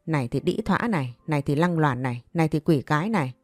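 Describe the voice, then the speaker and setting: A woman voicing a composed young wife with a sharp tongue who cuts her rival down, in a narrated story. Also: low voice, animated, fast talker, dry recording, soft background music. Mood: furious. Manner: cool and cutting.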